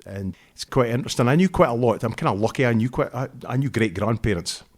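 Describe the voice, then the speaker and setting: A man with a northeast Scottish accent, talking at length as a guest in a relaxed interview and dropping in Scots words. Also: medium pitch, quick pace, breathy edge. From northeast Scotland. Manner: relaxed, talkative, uses Scots words like wee and aye. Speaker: guest musician. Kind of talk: casual interview chat.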